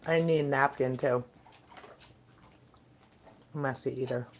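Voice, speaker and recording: A woman doing a casual mukbang, eating and talking to viewers in unhurried, stop-and-start remarks. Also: rumbling low, fairly even intonation, heavy background noise. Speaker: mukbang livestream host.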